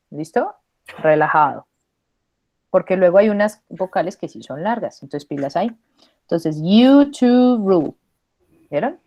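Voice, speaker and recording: A woman's voice: fairly low pitch, darkish tone, dry recording. Woman teaching English pronunciation. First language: Spanish. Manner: patient, models sounds slowly and repeats them; switches between English and Spanish. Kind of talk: online pronunciation class.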